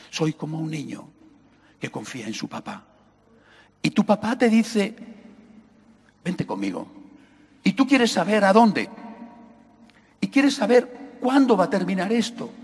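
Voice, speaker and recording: Man, priest, gravelly husky voice, fervent pleading homily, echoing church. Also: on the high side. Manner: fervent, pleading prayerful delivery. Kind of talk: homily at daily Mass.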